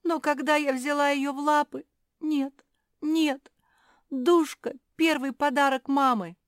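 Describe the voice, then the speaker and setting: A woman's voice: high voice, steady tone, a little slow, no room sound, clean studio sound, voice pushed up. A woman voicing a tearful little pug girl who is crying, in a storybook reading. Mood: sobbing.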